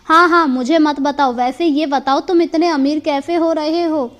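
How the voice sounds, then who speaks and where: A woman's voice: sits high, fairly even intonation, moderate pace, highs cut off, lightly acted. A woman voicing a greedy, jealous middle-aged male merchant in a storybook tale, talking in a whiny, protesting way. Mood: grumbling. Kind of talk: storybook character voice.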